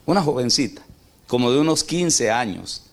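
A man's voice: medium pitch, expressive, normal speed. A middle-aged man preaching a sermon, telling stories and putting questions to his congregation. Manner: storytelling, asks the congregation questions.

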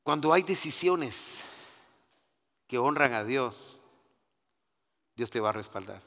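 A middle-aged man giving a sermon testimony. He goes from hushed, confiding talk to loud, emphatic preaching and keeps calling his listeners brother. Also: mid-range voice, animated, slow pace, vocal fry, big-room sound.

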